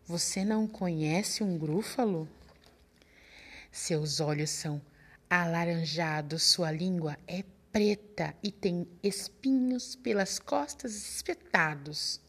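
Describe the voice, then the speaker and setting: A woman's voice: on the low side, takes it slowly, breathy edge, exaggerated voice. A woman doing a cheeky little storybook mouse. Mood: boastful. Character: small clever boastful male mouse.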